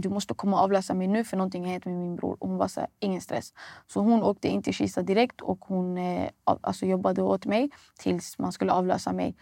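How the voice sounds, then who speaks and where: A woman's voice: mid-range voice, creaky, mellow, dry recording, clean studio sound. A young woman, a guest recounting a painful personal story and acting out the dialogue. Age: young adult. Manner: retells events acting out quoted dialogue, many fillers. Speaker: guest poet.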